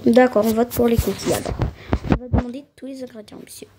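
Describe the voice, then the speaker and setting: A woman's voice: on the high side, fairly even intonation, quick pace, background noise, close to an everyday voice. A woman voicing an impatient mother who scolds her daughter in a doll role-play. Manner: scolding, bossy.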